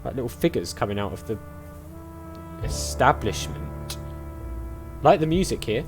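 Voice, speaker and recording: A gaming streamer thinks aloud and reacts to the game during casual let's play commentary. He has a medium-pitched, animated voice, speaks a little slowly, and talks over music.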